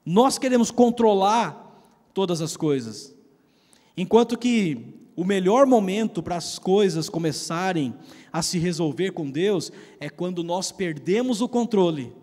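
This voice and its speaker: A Brazilian man preaches a sermon, telling a personal story in a casual, slangy way. His voice sits high with a darkish tone, and the recording has the long reverb of a large hall.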